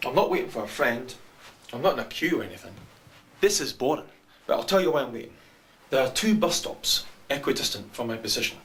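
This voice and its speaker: Wry man, bright voice. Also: medium pitch, brisk. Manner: wry, deadpan and digressive. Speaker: narrator of a short film. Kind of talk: scripted comic monologue.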